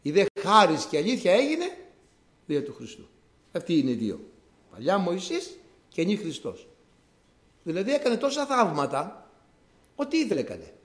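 A man's voice: high voice, huge pitch swings, pauses often, echoey room. A man preaching a sermon to his congregation, explaining scripture conversationally and repeating key words for emphasis.

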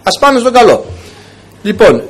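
A man's voice: sits high, very animated. A man preaching a sermon, telling stories and speaking directly to his congregation with emphasis. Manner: emphatic, storytelling delivery with a direct address to the congregation.

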